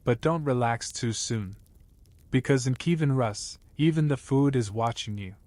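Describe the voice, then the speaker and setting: A man tells a scripted bedtime story, his voice medium in pitch and a little mellow. He sounds measured and wry, like a storyteller speaking to just one listener, and the audio is dry with no echo from the room.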